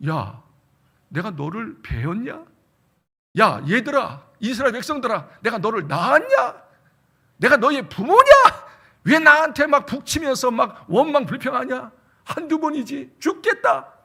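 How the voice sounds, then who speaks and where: A fed-up, weary old leader rants at the people he leads, his voice jumping high and loud, as a preacher acts him out. The tone is bright and sharp, and the scolding is rough. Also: flat delivery, brisk. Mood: exasperated. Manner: scolding, complaining loudly.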